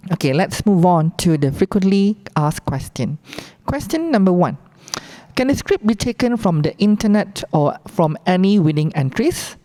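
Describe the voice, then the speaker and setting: A woman's voice: lowish voice, big pitch swings, normal speed, mellow, rough recording. A woman with a Malaysian accent gives an explanatory briefing on rules, going through them point by point in an instructive manner. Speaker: competition briefing presenter.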